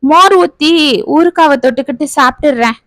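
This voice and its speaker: A woman voicing a frail, meek elderly mother-in-law who speaks softly and pleadingly in a storybook tale. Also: high voice, expressive, normal speed, no echo. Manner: soft, pleading, gentle.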